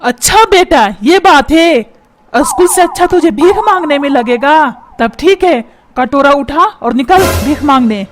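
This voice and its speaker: Cranky cartoon dad, high voice, always scolding, loud music behind. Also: female voice, lively intonation, a little slow. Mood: stern. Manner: scolding, threatening. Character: stern shouting cartoon father, short-tempered. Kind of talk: cartoon dubbing.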